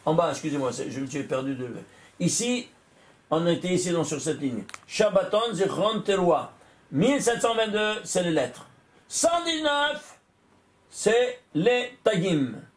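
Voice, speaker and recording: Man with a high voice teaching a Torah class. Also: expressive, measured pace. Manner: quizzing listeners with rhetorical questions; working through sums aloud. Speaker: rabbi.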